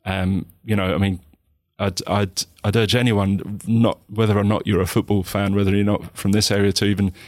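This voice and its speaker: A guest being interviewed, this man from England has a southern English accent and a fairly low, level voice. He talks reflectively, pausing, restarting, and saying "you know" often, in a dry, studio-quality recording.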